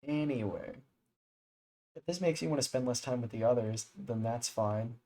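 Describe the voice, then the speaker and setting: A man reading the lines of a soft-spoken, apologetic teenage girl club president aloud. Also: medium pitch, moderate pace, lightly acted, poor audio. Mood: calm. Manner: gentle, apologetic, read aloud from screen.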